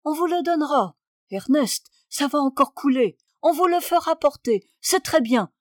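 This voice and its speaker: A woman's voice: high voice, lively intonation, moderate pace, no echo, clean studio sound, voice pushed up. A woman voicing a fussy, imperious aristocratic aunt in a read-aloud novel, exclaiming and scolding. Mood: indignant.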